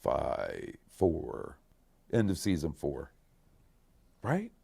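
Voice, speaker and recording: A man hosting a podcast in casual chat, excitable and swearing a lot. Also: very deep voice, very slow, creaky, slightly rough, no echo. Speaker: podcast host.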